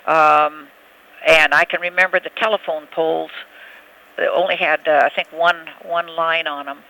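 Elderly female interviewee on the phone, bright but gravelly low-set voice, halting reminiscences. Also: steady tone, poor audio. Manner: halting, reminiscing, searching for words. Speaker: oral history interviewee. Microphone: telephone. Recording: telephone interview recording.

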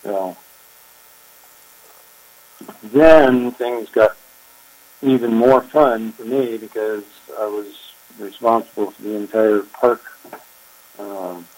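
An older man, a former park chief ranger, telling his story in an interview, unhurried and reflective with frequent pauses. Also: on the low side, a little mellow, low-quality recording. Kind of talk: oral history interview.

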